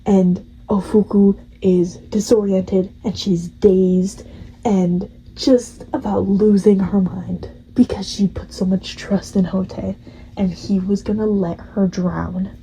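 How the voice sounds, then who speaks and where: A woman's voice: mid-range voice, steady tone, takes it slowly, dark tone, slight background noise, rough recording. A young woman hosting a gaming channel, rambling casually through a game's story and laughing at it. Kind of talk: casual story recap of a game.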